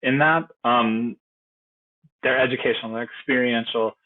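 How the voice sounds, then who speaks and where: A man's voice: medium pitch, fairly even intonation, normal speed. A man working as a program instructor, giving an earnest, conversational informational presentation. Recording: tinny phone-like audio.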